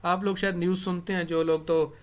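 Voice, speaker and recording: His voice sits high with little pitch movement, clear and resonant: an Urdu-speaking man teaching English vocabulary in a recorded lesson. He slowly repeats key words while typing them, and the keyboard clicks are audible.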